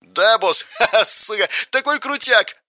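A man voicing an excitable male bandit henchman who shouts and swears in his joy, in an audiobook. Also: high voice, fast, dry recording, studio quality, voice pushed up, exaggerated voice. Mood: overjoyed.

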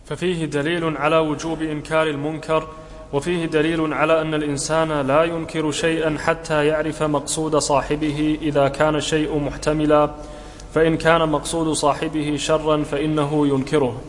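Man reading aloud in a flat, high voice. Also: brisk. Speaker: student reading the text aloud. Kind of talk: reading a religious text aloud. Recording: long hall reverb with faint background noise.

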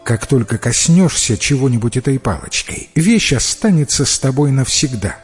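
A man's voice: medium pitch, lively intonation, normal speed, faint music behind, close to an everyday voice. A man reading a fairy tale, voicing a kind magical lady who coaxes a shepherd boy. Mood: coaxing. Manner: coaxing, persuasive. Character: kindly magical lady, woman, coaxing.

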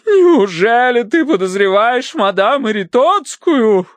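A man voicing a hysterical, fussy older Victorian lady with a high, wailing voice in an audiobook. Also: expressive, slow, no room sound. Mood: wailing, melodramatic.

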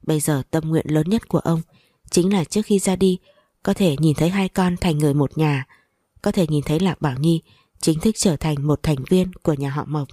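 A woman reading the lines of a frail, dying old grandfather who speaks gently and lovingly in an audiobook story. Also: low-pitched, normal speed, dry recording, studio quality. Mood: tender. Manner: soft, tender speech.

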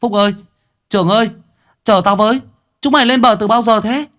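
A man's voice: steady tone, fairly quick, fairly bright tone. A man voicing a frightened village boy who stammers and calls out in panic. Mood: calling out. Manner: stammering, shrill calling.

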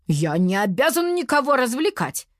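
A woman's voice: medium pitch, lively intonation, a little slow, no room sound, clean studio sound, lightly acted. Woman doing Znanik, grumbling preachy mentor. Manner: lecturing, grumbling. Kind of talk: storybook character voice.

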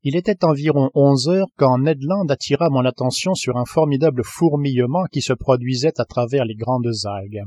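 A man reading a classic novel aloud as an audiobook narrator, in a measured, literary storytelling manner. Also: mid-range voice, dark tone, dry recording. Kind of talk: scripted narration.

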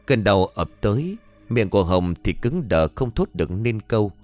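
A man narrating a scripted horror story in a dramatic, expressive way, close to the mic. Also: on the low side, normal speed, soft background music.

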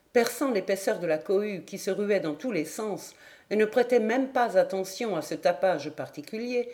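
A woman's voice: on the low side, warm tone. Woman reading a novel aloud. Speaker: audiobook reader. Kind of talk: scripted narration.

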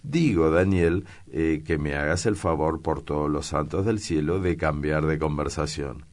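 A man with a very deep voice reading the part of a serious, reserved young gentleman who protests earnestly. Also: unhurried. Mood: protesting.

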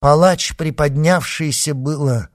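A man reading a classic novel aloud in a theatrical, expressive manner. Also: a little high, unhurried, dry recording, studio quality. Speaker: audiobook narrator.

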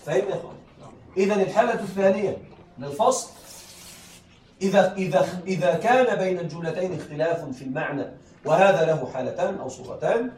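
Fast high-voiced male teacher in echoey room. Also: a little mellow. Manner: keeps checking that students follow, repeats key phrases. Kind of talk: classroom lesson on Arabic rhetoric. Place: classroom with students. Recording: echoey room, heard from a distance, faint noise.

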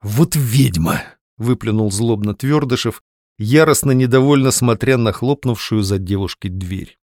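A man narrates a novel as an audiobook in a measured, expressive voice. His pitch sits in an ordinary middle range, and the recording is dry and close, with no room sound. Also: no room sound. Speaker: audiobook reader.

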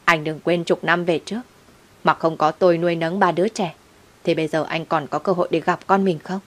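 A woman's voice: fairly low pitch, steady tone, brisk, lightly acted. A woman voicing a scheming old mother-in-law. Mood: reproachful. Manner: reproachful, self-righteous.

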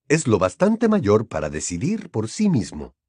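A composed, firm middle-aged wizard, voiced by a male narrator. The tone stays measured while the pitch moves expressively, in a dry recording. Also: husky, dry recording, exaggerated voice. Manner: calm, firm.

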